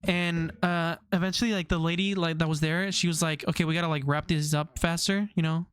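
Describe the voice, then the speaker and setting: A man's voice: a little high, fairly even intonation, a little fast, a bit bright, smooth. A young man streaming, chatting casually with his viewers, rambling off on tangents and laughing often.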